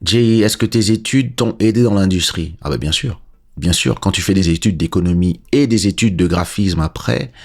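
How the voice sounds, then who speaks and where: A man from Congo, raised in France, hosting a relaxed livestream and answering viewer questions in an unhurried way. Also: deep voice, husky. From Congo, raised in France from age seven. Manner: relaxed and unhurried, pauses with filler sounds. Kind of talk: casual livestream chat reading viewer questions. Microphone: dynamic podcast-style microphone.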